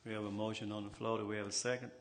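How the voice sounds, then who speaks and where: A man's voice: fairly low pitch, level tone, racing. A man presiding over a council meeting as its president, running formal procedure. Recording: noisy meeting room ambience.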